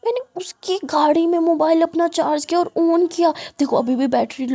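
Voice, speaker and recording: A worried woman teacher who keeps pleading, half scolding in exasperation, as a storyteller puts her on. The voice is high and gravelly, with a dark, mellow tone. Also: normal speed.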